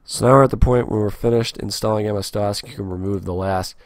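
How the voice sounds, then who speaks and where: A man with a cold and sore throat, hosting a casual software tutorial with many fillers. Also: fairly low pitch, steady tone, fast talker, no echo, clean studio sound. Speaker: tech tutorial host.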